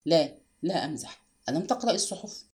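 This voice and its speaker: A shrewd old spinster detective, calm and deliberate, with low, unhurried speech, as a woman reads her aloud. Her tone is warm and mellow, with a lively rise and fall, in a storybook reading. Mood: grave, knowing.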